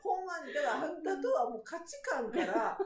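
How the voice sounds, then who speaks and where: Loud, animated Kansai auntie, echoey chatter. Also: female voice, high-pitched, fairly quick. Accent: Kansai Japanese. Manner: loud, outspoken Kansai auntie manner, blunt, acts out quarrels. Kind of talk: casual chat, animated storytelling.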